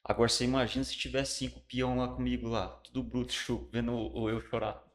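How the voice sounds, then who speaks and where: A middle-aged man with a Brazilian Portuguese accent, a pastor and guest, telling his personal testimony in casual, colloquial talk. He tells it with animation and drops to a hush for the solemn parts. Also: mid-range voice, flat delivery, fast talker.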